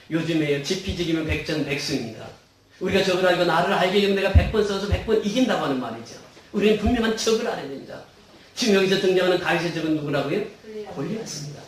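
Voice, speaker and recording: A man's voice: high voice, slight background noise. A middle-aged male pastor preaching a sermon in a church, putting emphatic questions to the congregation and leading scripture reading. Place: church sanctuary. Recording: echoey hall, mic at a distance.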